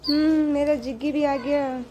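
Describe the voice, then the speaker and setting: High-voiced woman coaxing birds, noisy. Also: fairly even intonation, unhurried. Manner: fond, coaxing talk to animals. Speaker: vlogger feeding birds and pets. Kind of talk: casual vlog commentary. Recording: noisy outdoor ambience.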